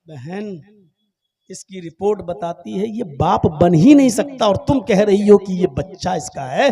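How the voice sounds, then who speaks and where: A man voicing an exasperated, bossy hospital doctor who scolds and shouts. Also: high-pitched, lively intonation, measured pace, a crowd in the background.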